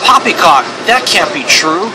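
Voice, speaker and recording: A man's voice: sits high, big pitch swings, unhurried. A man voicing a haughty, vengeful royal prince in a video game, pompous and imperious. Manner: pompous, imperious, calls himself "one". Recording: clearly noisy background.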